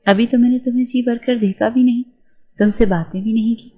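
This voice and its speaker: A woman's voice: fairly high pitch, fairly even intonation, warm tone, breathy edge. A woman voicing a frustrated young husband, speaking in an exasperated, pressing way in an audio storybook.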